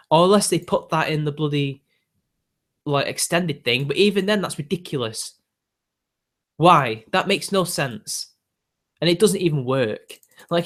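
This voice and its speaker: A British man in his twenties hosts a YouTube video, his young-sounding voice pitched on the high side and fairly bright. He rants casually to viewers, exasperated, with plenty of fillers.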